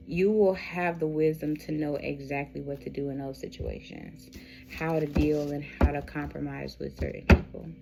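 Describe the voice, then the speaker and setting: Slow, gravelly woman reading tarot. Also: low voice, background noise. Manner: slow, reflective, repeats phrases, addresses viewers as y'all. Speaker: tarot reader. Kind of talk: spiritual tarot reading to camera.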